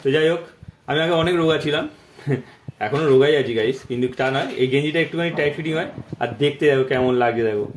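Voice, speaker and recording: A man's voice: a little high, fast. A man, filming a casual family vlog at home on a phone camera, talking to viewers and repeating his questions to get answers from family. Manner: chatty, repeats himself, coaxes family for answers. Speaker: family vlogger. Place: family home indoors and around the yard. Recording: echoey rooms, faint ambient noise.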